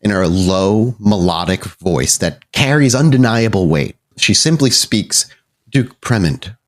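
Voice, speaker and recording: A man acts as storyteller for a tabletop role-playing game, describing scenes with dramatic, deliberate phrasing. His voice leans low, and soft music plays in the background.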